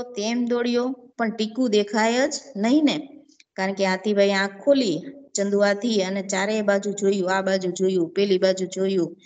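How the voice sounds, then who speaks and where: A woman reading and explaining a children's story as a teacher, asking the listeners questions and then answering them herself. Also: medium pitch.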